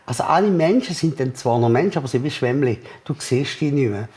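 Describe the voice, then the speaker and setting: A man's voice: mid-range voice, quick pace. A man with a Swiss German accent, an entrepreneur in an interview, telling a story with energy and acting out the dialogue. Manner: lively, acts out the other people's lines in quoted dialogue.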